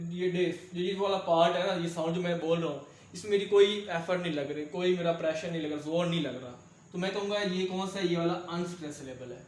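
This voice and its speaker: A man teaching English grammar in Hindustani, slipping in English terms and checking with his students again and again. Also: high voice. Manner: repetitive, checks understanding with "ठीक है दोस्तों". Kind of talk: classroom lecture. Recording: echoey room.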